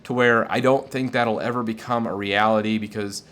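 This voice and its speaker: A man's voice: lowish voice, steady tone, moderate pace, a bit bright. Chatty man hosting a tech stream. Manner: enthusiastic, chatty, rambling with fillers. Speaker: tech streamer answering viewer questions. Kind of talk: casual live-stream Q&A.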